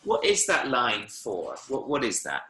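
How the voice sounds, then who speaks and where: A man's voice: mid-range voice, wildly swooping pitch, a little slow, sharp tone, reverberant. A man teaching a one-to-one language lesson over a video call, patiently checking that his student follows with frequent "yeah?" and "right?". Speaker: Spanish teacher.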